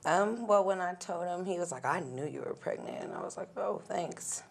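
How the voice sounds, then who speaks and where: A woman's voice: fairly low pitch, lively intonation, normal speed, gravelly, a little hiss or hum. A woman in her twenties from Denver, talking casually and a bit slangy as a guest. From Denver, Colorado. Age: 20s. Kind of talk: casual interview answers.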